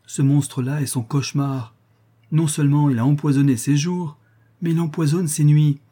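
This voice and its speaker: Male reader playing a flustered old concierge lady, shrill and raised high, fussing endlessly, a husky edge under it. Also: moderate pace, warm tone. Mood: excited. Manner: shrill, fretful, fussing endearments. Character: fussy old woman concierge, excitable and doting.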